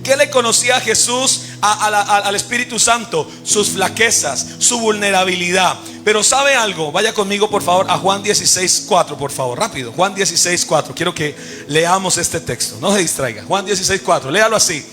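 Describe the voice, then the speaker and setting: With clear music playing behind him, a male pastor delivers a sermon at a church service in a high, ringing voice, speaking a little fast. He peppers the congregation with questions, lets them complete his sentences, and shifts between loud emphasis and hushed asides.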